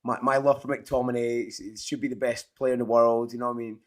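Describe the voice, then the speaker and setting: A Scottish man with a hoarse, half-lost voice, chatting casually and enthusiastically as host of a fantasy football show. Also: medium pitch, level tone, fairly quick. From Scotland. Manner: matey, rambling, enthusiastic. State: hoarse, voice partly lost from shouting. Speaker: podcast host.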